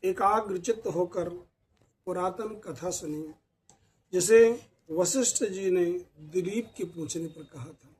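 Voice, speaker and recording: A man voicing a serene, benevolent divine lord in a storybook tale, speaking calmly. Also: sits high, slow, breathy edge, heavily acted, low-quality recording. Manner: calm, instructive.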